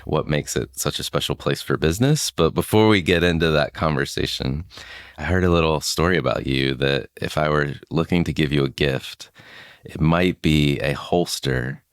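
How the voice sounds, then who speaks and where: A man hosting a podcast interview, upbeat and quick to laugh. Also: very deep voice, clear, resonant tone, no room sound, clean studio sound. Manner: upbeat, laughs often, lively intonation. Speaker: podcast host. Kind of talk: casual interview.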